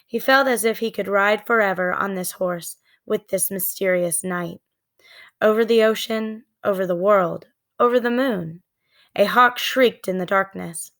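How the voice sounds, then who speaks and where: A woman reads a children's book aloud in a mid-range voice, telling the story deliberately and expressively.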